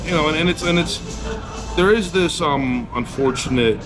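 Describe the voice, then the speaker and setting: A man's voice: on the high side, moderate pace, over music. A man from Poland answering street-interview questions, giving blunt and candid opinions about travel and dating. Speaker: interviewee, business owner.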